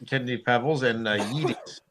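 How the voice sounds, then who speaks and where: A man co-hosting a casual podcast who trades deadpan wisecracks with his friends. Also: mid-range voice, moderate pace, a little hiss or hum. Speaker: podcast co-host. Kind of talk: casual banter among friends.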